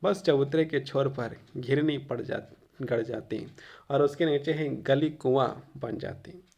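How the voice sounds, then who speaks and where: A male Hindi teacher who reads a textbook passage aloud and then explains it in casual spoken Hindi, often pausing on filler phrases and sometimes coughing. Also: mid-range voice, creaky, a little mellow. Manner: occasional coughs. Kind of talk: reading and explaining a textbook chapter.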